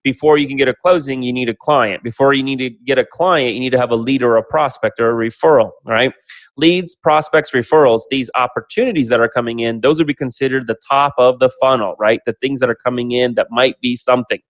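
A man introduces an interview for an online summit in a conversational, emphatic way, using rhetorical questions and explaining things step by step. He speaks a little fast at medium pitch, with no echo on the recording.

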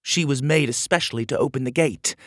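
A man's voice: medium pitch, fairly quick, a bit bright, no echo, clean studio sound, pitched above the performer's own voice, lightly acted. A man voicing a brave, loyal young male hero who speaks up earnestly.

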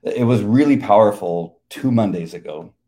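Middle aged guy, low mellow voice, stumbles over words, gets emotional and laughs a lot. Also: lively intonation. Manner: halting, emotional, laughs often. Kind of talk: casual faith talk.

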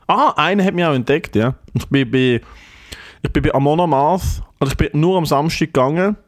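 A man's voice: on the high side, a little fast. A man with a Swiss German accent, co-hosting a comedy podcast. He rambles through stories, swears a lot and is ill and worn out. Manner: rambling storyteller, swears a lot, keeps saying "Alter". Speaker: podcast co-host. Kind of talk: casual comedic chat.

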